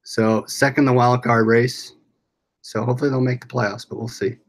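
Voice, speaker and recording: A man's voice: mid-range voice, steady tone, moderate pace. An American man hosting a casual livestream, rambling along as he reads and answers viewers' comments aloud. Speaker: livestream host.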